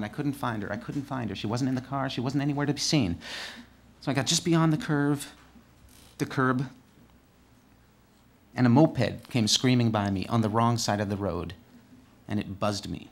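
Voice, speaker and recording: Male storyteller, monologue delivery, animated with big swings in energy, stammers and repeats words. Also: normal speed, creaky, pauses often. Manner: animated, swings between excited highs and hushed lows. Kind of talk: first-person storytelling monologue.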